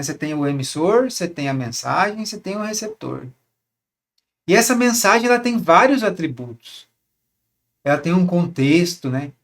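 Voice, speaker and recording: In a laid-back teaching monologue, a relationship coach with a fairly high-pitched voice describes how partners should speak to one another. He keeps asking his listeners rhetorical questions and frequently repeats a word as he gropes for the next one.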